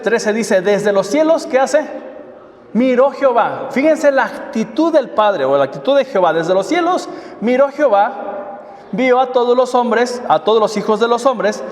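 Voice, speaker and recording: A man preaching a sermon, asking the congregation one rhetorical question after another. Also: high-pitched. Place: church hall. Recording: echoey hall from far off.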